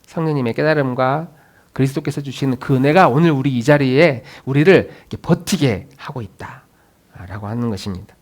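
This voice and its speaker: A man, a pastor, preaching a sermon, swinging between loud, urging lines and soft, musing asides. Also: mid-range voice, normal speed. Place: church sanctuary.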